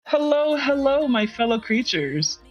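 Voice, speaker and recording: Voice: high-pitched, sing-song, measured pace, lo-fi sound. A narrator of ambiguous sex whose voice runs through a voice changer, giving a chatty, earnest scripted video narration as an artist hosting their own channel. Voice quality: voice run through a voice changer, artificial-sounding. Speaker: host, digital artist. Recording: music behind the voice. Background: background music.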